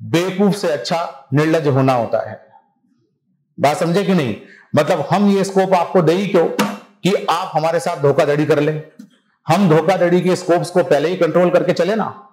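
High-voiced man lecturing in an echoey classroom. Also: moderate pace, a little mellow. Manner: conversational, keeps asking if students follow. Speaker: civil services exam teacher.

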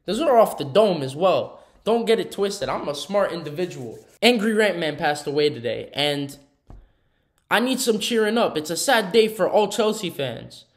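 A man's voice: sits high, expressive, moderate pace. A young man giving casual reaction commentary in a slangy, exasperated, ranting way. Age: young adult. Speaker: host of a reaction channel. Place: small room indoors.

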